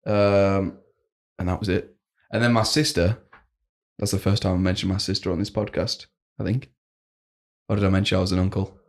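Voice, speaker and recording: A man's voice: sits low, flat delivery, moderate pace. A young man co-hosting a casual podcast, laughing often and swearing freely. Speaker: podcast co-host. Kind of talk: casual banter.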